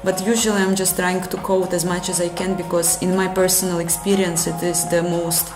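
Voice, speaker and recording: She's a Russian-accented woman from Russia who builds game engines, narrating her thoughts while coding live and fumbling through chat replies in English, fixing herself as she goes. Her delivery is low-ish and flat, and music plays behind her in a reverberant room.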